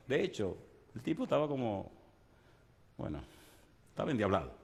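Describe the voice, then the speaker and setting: A male preacher telling a story in a sermon and asking the crowd for answers. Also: mid-range voice. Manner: animated storyteller, asks the crowd "yes or no". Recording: long reverb of a church hall.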